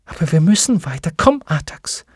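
Man voicing an urgent young hero boy, higher voice, dry studio sound. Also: animated, unhurried, vocal fry, dark tone, slightly rough, no echo, exaggerated voice. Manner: earnest, urgent. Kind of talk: audiobook character voice.

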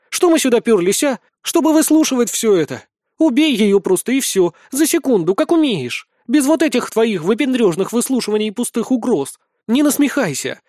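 A man's voice: extremely high pitch, darkish tone, no room sound, clean studio sound, pitched above the performer's own voice. A man voicing a proud, blunt young cat-girl wife who scolds in a brash way.

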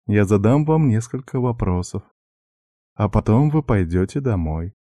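A patient male questioner with a low, mellow voice, coaxing and lulling in an even, soft murmur in a storybook tale, as the narrator plays him. The recording is dry and close. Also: measured pace, no echo. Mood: soothing coaxing. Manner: soft, ingratiating, monotonous. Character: gentle investigator man, soothing and coaxing. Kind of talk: audiobook character voice.

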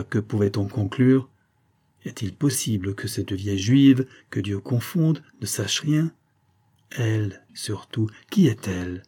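Un homme qui lit une nouvelle classique à voix haute, d'une narration posée et expressive. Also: male voice, medium pitch, husky. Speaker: audiobook narrator. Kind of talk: literary narration.

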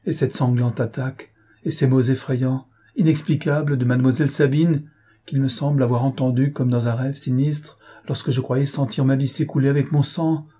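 A man's voice: medium pitch, fairly even intonation, moderate pace, mellow, breathy edge, lightly acted. A man voicing a feverish, bedridden young man, agitated and imploring, in an audiobook.

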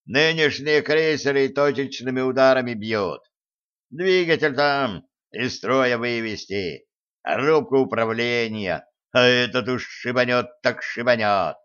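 A proud, gruff gnome engineer grumbles and boasts about his work in slow, heavy phrases, as a man reading the storybook puts him on. The recording sounds dull and lo-fi. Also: mid-range voice, fairly bright tone, lightly acted. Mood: boastful.

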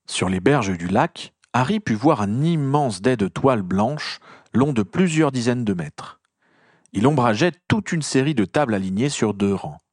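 A man reading a story aloud with expressive, lively storytelling. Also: mid-range voice, a little slow, no room sound, studio quality. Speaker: reader. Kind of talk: audiobook reading of fan fiction.

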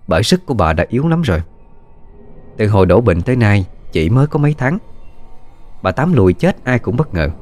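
A man narrating a ghost story in a steady, measured storytelling manner. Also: low voice, no echo.

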